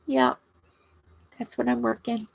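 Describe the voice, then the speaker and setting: A woman chatting casually and haltingly on a livestream, her words slightly impeded by a swollen lip. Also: on the high side, level tone, creaky. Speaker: craft livestream host. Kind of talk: casual rambling livestream chat.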